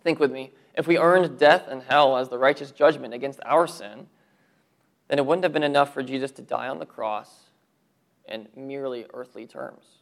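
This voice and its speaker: Gravelly guy preaching, earnest pastor, goes quiet and low on the big points. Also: normal speed. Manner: earnest preaching with rhetorical questions, dropping low for emphasis. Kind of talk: sermon.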